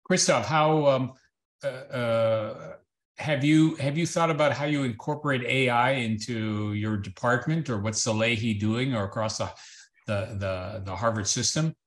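A man in his fifties moderating a panel over a video call, halting and full of restarts as he asks questions. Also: medium pitch. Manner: hesitant, many fillers and restarts.

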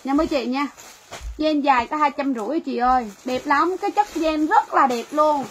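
A Vietnamese woman hosts a livestream sale, her high voice moving at a normal pace as she chats with viewers and repeats phrases. The recording is rough, with faint background noise.

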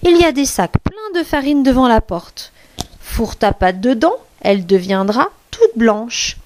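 A woman's voice: fairly high pitch, sing-song, a little slow, a little mellow, dry recording. A woman doing a sly mocking fox.

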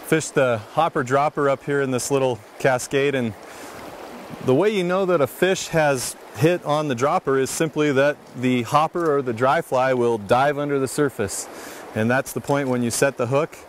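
Calm man narrating a fly fishing lesson. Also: medium pitch, normal speed, a little hiss or hum. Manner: calm, explanatory. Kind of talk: instructional voice-over narration.

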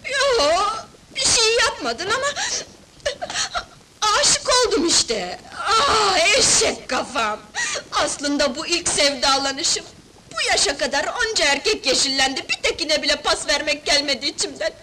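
An actress playing a brash, streetwise young wife who talks loud and slangy in an old film. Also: female voice, high voice, very animated, unhurried. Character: brash streetwise young woman, bold, pushy. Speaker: newly married wife in a film. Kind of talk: 1970s film dialogue. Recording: noisy old film soundtrack.

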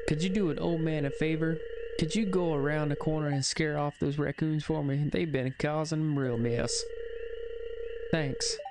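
A man voicing a gentle older man who lives rough, in a put-on country accent, over game music. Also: fairly high pitch, fairly even intonation, moderate pace, a crowd in the background, close to an everyday voice. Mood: earnest.

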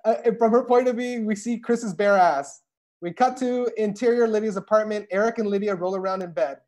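A man reads the stage directions aloud at a script table read, joining from home over a video call. His voice sits high, a little fast and a little mellow, picked up by the video call microphone.

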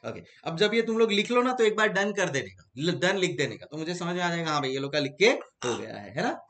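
A man's voice: fairly high pitch, lively intonation, fast talker, fairly bright tone, a little hiss or hum. A man with an Indian accent teaching a live online class, asking rhetorical questions and answering them himself and repeating key terms so students can note them down.

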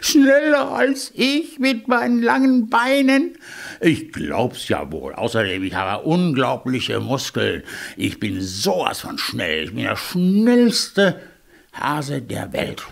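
A man's voice: on the high side, very animated, slow pace, vocal fry, full character voice. A man voicing an arrogant, boastful male hare in a children's fairy tale, bragging and blustering.

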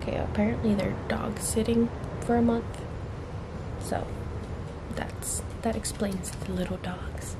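A woman's voice: fairly high pitch, steady tone, unhurried, pauses often. A young woman with a standard American accent chatting casually as she vlogs. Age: young adult. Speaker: vlogger. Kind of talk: casual vlog chat. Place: car, house and outdoor trail. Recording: noisy car and outdoor ambience.

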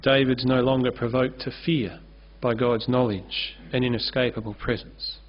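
A pastor in his forties gives an earnest sermon on a curtain-backed church stage, gesturing freely at the lectern as he speaks into its mounted microphone. His ordinary mid-pitched voice has fairly even intonation and a moderate pace, and the recording is somewhat dull and lo-fi.

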